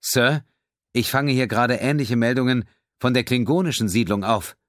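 A man's voice: medium pitch, moderate pace, no echo, clean studio sound, pitched above the performer's own voice, natural voice. A man voicing a male alien communications officer relaying distress calls in an audiobook. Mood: focused. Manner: careful, reporting.

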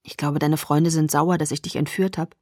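A mysterious young man in a storybook, teasing and soft-spoken, as a woman narrator puts him on. He keeps his voice low and hushed, nearly a murmur. The read is close and dry. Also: steady tone, moderate pace, dry recording. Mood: softly teasing.

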